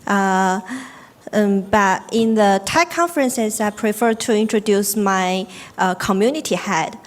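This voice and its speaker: Polite woman introducing herself on a panel. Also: medium pitch. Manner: polite, measured, many fillers.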